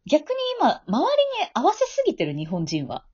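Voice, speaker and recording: A woman's voice: fairly high pitch, wildly swooping pitch, moderate pace, darkish tone, husky. A young woman co-hosting a podcast, talking casually with a friend in emphatic, informal slang. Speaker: podcast co-host. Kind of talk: casual chat between friends. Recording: dull, lo-fi sound.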